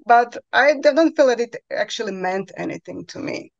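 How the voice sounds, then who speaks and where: Animated and a little high, this woman's creaky voice moves at a normal speed. She's in her forties, Croatian-accented, and a podcast guest using English as a second language, searching for words with plenty of fillers during a conversational interview. She speaks over a headset on a video call from her home, with dull audio and no echo.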